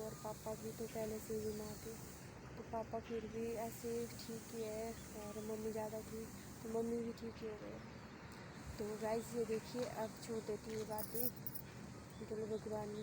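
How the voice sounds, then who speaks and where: Young Himachali woman vlogger, soft and low in volume, even delivery, phone recording outdoors with steady noise behind. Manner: soft-spoken, quiet voice. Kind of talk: casual vlog chat. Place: outdoors at home, village. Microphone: phone camera, no mic.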